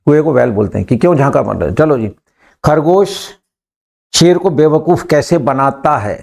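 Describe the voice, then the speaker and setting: A man with an Indian accent teaches a live English class. His voice sits a little high. He coaxes the students along, repeats his prompts and pushes them to answer faster. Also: expressive, vocal fry, a little mellow. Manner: coaxing, repeats prompts, urges students to hurry.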